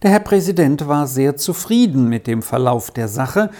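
A narrator reading a classic children's story aloud in a calm, even storytelling manner. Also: mid-range voice, moderate pace.

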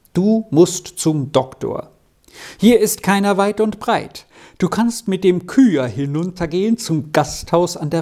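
A storybook reader voicing a kindly, cheerful adult male alpine herdsman who reassures gently. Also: mid-range voice, creaky, exaggerated voice. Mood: earnest. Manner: warm reassuring, gently persuasive. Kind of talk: storybook reading.

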